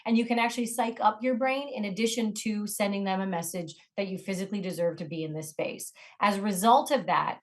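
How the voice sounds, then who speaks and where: A woman speaking as a negotiation trainer in an interview, her voice sitting at a middle pitch. She delivers her advice in a direct, emphatic, instructive way, pressing each point home. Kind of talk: interview answers, coaching advice.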